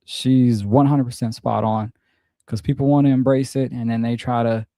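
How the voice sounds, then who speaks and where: A man's voice: mid-range voice, steady tone, normal speed, dark tone, no echo, studio quality. A man streaming and reacting to clips, talking in a laid-back, rambling, profane way and often repeating himself. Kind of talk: casual reaction commentary.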